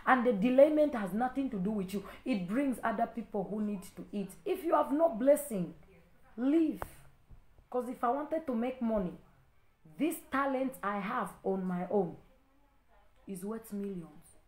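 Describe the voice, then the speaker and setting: A young adult woman, a preacher and ministry leader, fiercely scolds commenters during a livestream in heated, repetitive bursts, repeating herself and stumbling. Her fairly high, darkish voice has lively intonation and a slightly slow pace, with a reverberant sound.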